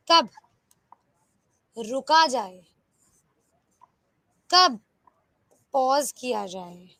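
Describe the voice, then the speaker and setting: A young woman teaching an online exam-prep class in a lively, coaxing way, often asking her students rhetorical questions. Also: sits high, dry recording. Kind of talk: live online class, Hindi mixed with English.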